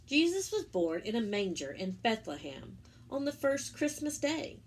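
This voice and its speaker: A woman acting as a story-time teacher reads a children's religious picture book aloud, stopping for simple explanations aimed at young listeners. Her voice is a little high and very animated, with a touch of hiss or hum in the recording.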